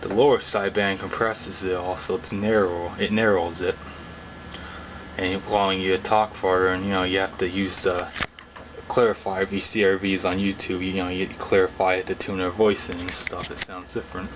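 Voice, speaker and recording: With little pitch movement, a deep-voiced young adult explains his hobby to camera at normal speed. His vlog talk is casual, rambling and folksy, and noisy ambience is clearly audible behind him.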